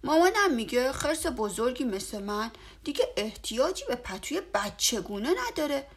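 A woman's voice: on the high side, sing-song, breathy edge, exaggerated voice. A woman voicing a friendly young male bear in a storybook, blunt and teasing.

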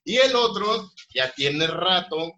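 A man hosts a loose, joking interview. His voice sits a little high and rings bright and forceful. He teases his guests and laughs easily. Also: expressive, slow pace, dull audio. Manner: playful, teasing, laughing often. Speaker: host. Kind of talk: casual interview chat.

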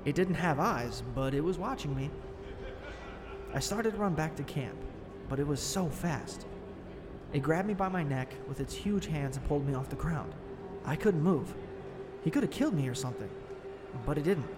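A man playing a defensive, shaken young man giving witness testimony in an audio horror story, informal and halting. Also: a little high, expressive, over music, natural voice. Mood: uneasy recounting. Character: defensive, shaken 23-year-old male attack witness.

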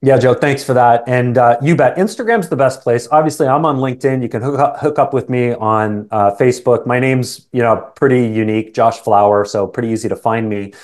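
A middle-aged man with a Canadian accent, born in England, speaks as a guest in a casual interview and works as a sales coach. His mid-range, darkish voice moves briskly with few pauses as he talks earnestly and reflectively, often checking in with short tag questions.

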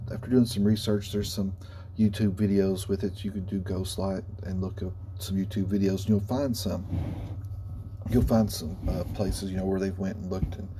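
A man, telling a casual anecdote in a rambling, folksy, self-correcting way. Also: on the low side. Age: 40s. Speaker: storyteller. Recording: noticeable background hum and noise.

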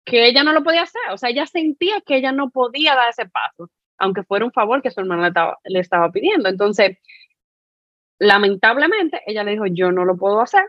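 A woman co-hosting a podcast, sharing personal reflections in a thoughtful, unhurried way with many fillers and restarts. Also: a little high, expressive, dry recording, lo-fi sound. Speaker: podcast co-host.

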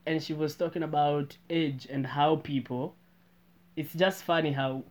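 A young host in a casual chat, opinionated and animated when ranting. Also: mid-range voice, a little slow. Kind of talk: casual chat mixing English and Sheng.

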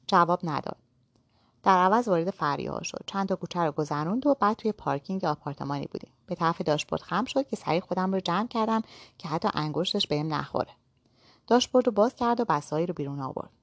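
A woman's voice: on the low side, dry recording, studio quality. Woman narrating a novel in first person. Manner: steady first-person storytelling.

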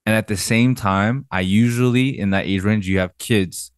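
A man in his early thirties speaks in a fairly low voice as a pastor co-hosting a podcast. He talks casually and curiously, asking follow-up questions. The sound is dry and close. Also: normal speed, clean tone, no room sound. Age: 30s. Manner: inquisitive, asks guests follow-up questions. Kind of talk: casual faith podcast discussion.

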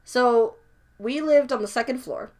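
A woman's voice: fairly high pitch, measured pace, a little mellow. A woman telling personal stories in a casual chat, laughing often and using many fillers.

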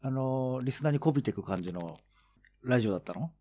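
Man, podcast co-host, rapid talk, middle pitch, teasing, pushes back. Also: animated, dark tone. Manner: teasing, quick to poke fun and push back. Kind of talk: casual chat.

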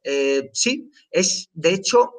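A man's voice: on the high side, lively intonation, slow, far from the mic. A man guest explaining things in casual talk, restarting and repeating himself often as he thinks aloud. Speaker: guest explaining a trading platform.

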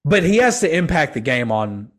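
A man's voice: a little high, sing-song, moderate pace. Rambling young guy talking hoops. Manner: rambling, filler-heavy, slangy ("like", "dude"). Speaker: podcast host. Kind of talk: casual sports chat.

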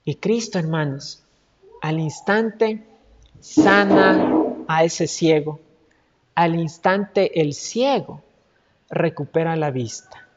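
A woman's voice: deep voice, slow, long pauses, faint music behind. A woman preacher giving a sermon with emphatic, repeated exhortations. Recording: echoey hall, dull sound.

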